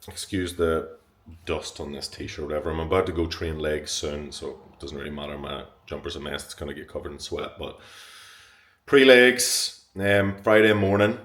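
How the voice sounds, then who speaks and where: A man's voice: extremely low pitch, normal speed, a bit bright. A young man talking casually to camera as a fitness vlogger, upbeat and chatty and swearing freely.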